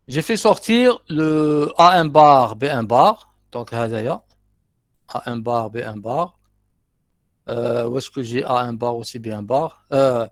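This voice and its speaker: A man's voice: medium pitch, no room sound, studio quality. A middle-aged man with an Algerian accent, teaching a university class in a lecture, going through exercises step by step and repeating his terms. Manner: explains step by step, repeats terms, mixes in short asides.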